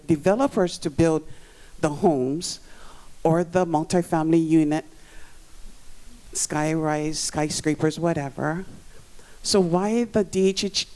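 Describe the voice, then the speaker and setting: A middle-aged community member with a Hawaii accent speaks at a public meeting in a community center room. The voice is dark and mellow, the delivery earnest and emphatic, leaning on repeated words to drive points home. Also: mid-range voice. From Waianae coast of Oahu, Hawaii.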